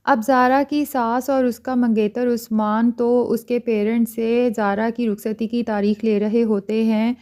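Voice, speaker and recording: A woman's voice: a little high, little pitch movement, few pauses, darkish tone. A woman narrating an episode recap, retelling scenes and reading the characters' lines in her own voice. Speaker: drama reviewer.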